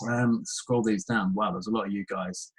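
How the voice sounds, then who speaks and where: Husky-voiced English man hosting a webinar. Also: on the low side, steady tone, rough recording. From England. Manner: chatty, reads out attendee names with quick asides. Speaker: webinar host. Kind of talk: casual live webinar welcome. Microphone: headphones with mic.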